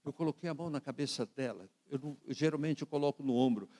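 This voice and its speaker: A man with a Brazilian Portuguese accent preaching a sermon as a pastor, telling a story with lively shifts of voice as he acts out what others said. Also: medium pitch, fast. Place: church sanctuary. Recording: reverberant church hall.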